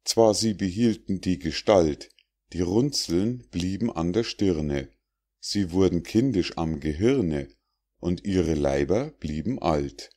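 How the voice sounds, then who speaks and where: A man narrating rhymed fables as an audiobook reader, in a measured, recitative verse delivery. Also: low-pitched, animated, a little mellow.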